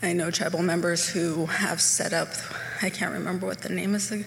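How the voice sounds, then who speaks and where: Blunt woman from Hoopa at a meeting mic, gravelly, reverberant hall. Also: fairly low pitch, flat delivery, moderate pace, fairly bright tone, a little hiss or hum. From Hoopa, Northern California. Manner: earnest, rambling, blunt. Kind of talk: public comment at a meeting.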